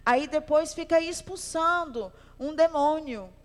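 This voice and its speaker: A woman's voice: high voice, unhurried. A woman pastor teaching a Sunday school Bible class in a conversational way, asking the class questions and repeating her phrases. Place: church hall. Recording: long hall reverb.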